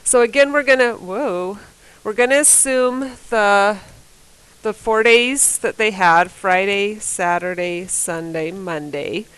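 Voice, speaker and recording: Fighting a cold, a woman teacher slowly works math problems on a board in a relaxed, think-aloud way, correcting herself along the way. Her mid-range voice is fairly bright, clear, and resonant, though the classroom recording is low quality.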